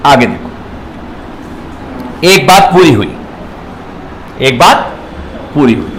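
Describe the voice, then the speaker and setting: A male English grammar teacher lectures slowly in an echoey classroom with faint background noise, spelling words letter by letter and calling students "beta." His mid-range voice is sing-song with a fairly bright tone.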